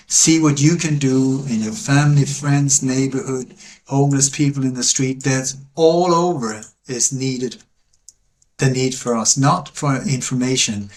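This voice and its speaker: A man speaking as a guest in a podcast interview, earnest and emphatic, sliding into a preaching cadence. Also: mid-range voice. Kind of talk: conversational interview.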